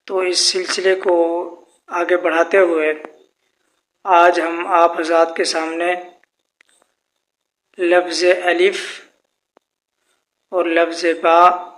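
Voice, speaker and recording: A man teaching a tajweed pronunciation lesson, speaking slowly and formally and drawing out the letters he demonstrates. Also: high voice, a bit bright. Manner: slow, formal address with drawn-out demonstrated letters. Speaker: Quran recitation teacher. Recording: echoey room.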